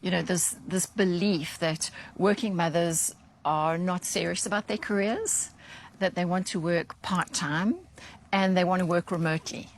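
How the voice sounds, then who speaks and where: A woman speaking as an interview guest, explaining findings in a measured, articulate way. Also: lowish voice, fairly even intonation, slight background noise.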